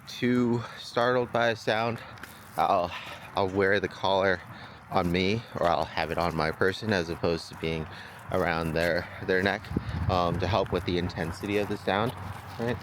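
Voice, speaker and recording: A man's voice: low voice, a little hiss or hum. A man working as a dog trainer, explaining a training demonstration in a casual, think-aloud way outdoors. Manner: informal, thinking aloud, checking with "right?".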